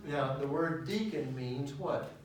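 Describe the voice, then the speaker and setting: A man's voice: a little high, slow, slight background noise. Man teaching a Bible study in an echoey hall. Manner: animated, asks questions of the class. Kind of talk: teaching sermon. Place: church hall. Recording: echoey hall, mic at a distance.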